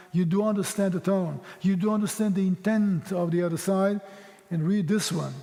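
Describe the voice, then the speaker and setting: A high-voiced man gives an emphatic church lecture, pressing his points with pointed rhetorical questions. His voice rings out with a long reverb tail in a church hall. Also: mellow. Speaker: guest speaker teaching a history session.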